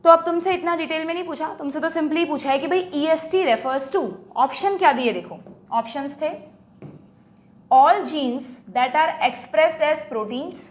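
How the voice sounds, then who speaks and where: An Indian woman teacher working through exam questions, explaining step by step, checking in with students often and reading the question text slowly. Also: high-pitched. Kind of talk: exam solution lesson.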